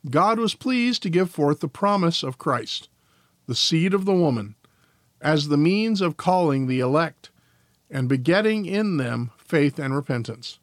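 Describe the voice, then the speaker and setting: A man's voice: a little high, lively intonation, unhurried, no room sound, studio quality. A male podcast host reading a devotional and a church confession aloud in a careful way, now and then tripping over his words.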